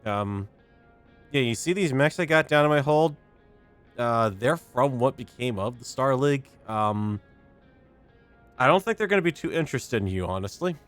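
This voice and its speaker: A man's voice: mid-range voice, lively intonation, moderate pace, pauses often, a bit bright. A man giving casual let's-play commentary with wry, sardonic asides. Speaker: gaming host. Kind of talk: casual let's-play commentary, reading game text aloud. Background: game music.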